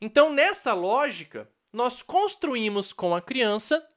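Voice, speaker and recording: A man's voice: very high voice, very animated, fairly bright tone. Guy explaining how to teach kids to read, voice goes up and down a lot, spells out letter sounds and keeps asking ok?. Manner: explanatory, sounds out letters slowly, checks in with "ok?" and "certo?". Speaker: literacy teacher. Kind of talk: online course lesson.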